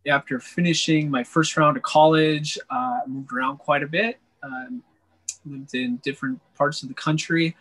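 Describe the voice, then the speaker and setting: Man from Wisconsin, interview guest, earnest and steady, slightly high voice. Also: poor audio. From Wisconsin, USA. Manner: earnest, steady, frequent "uh" fillers. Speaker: missionary guest. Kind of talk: interview answers.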